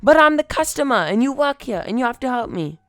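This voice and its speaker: A loud, entitled mother barks demands in a high, pushy voice as a reader puts her on. Her tone carries a gravelly edge, smooth and close in a dry space. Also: very animated, fairly quick, dry recording, soft background music, heavily acted. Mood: indignant. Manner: yelling, pushy.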